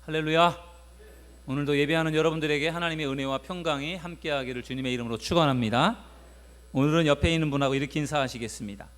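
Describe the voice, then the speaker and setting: His voice leaning high and a little bright, a male pastor speaks conversationally during Sunday service, recounting a Bible story for the congregation while often stalling on filler sounds.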